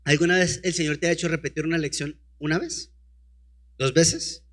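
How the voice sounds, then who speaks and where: A man's voice: fairly high pitch, steady tone, normal speed, fairly bright tone. A man preaching a sermon, reading scripture aloud and breaking in with rhetorical questions to the congregation. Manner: calls out to a helper to advance the slides.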